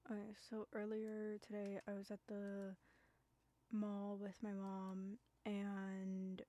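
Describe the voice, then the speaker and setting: A woman streaming live, speaking in a halting, subdued way with many fillers and apologies, hiccuping now and then. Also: medium pitch, completely flat delivery, dark tone. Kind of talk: casual live-stream talk.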